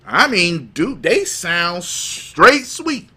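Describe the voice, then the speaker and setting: A man's voice: high voice, sing-song, very slow, pushed and bright, breathy edge. A man hosting a live commentary show, talking to his viewers in a folksy, mocking way over news clips. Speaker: livestream commentary host.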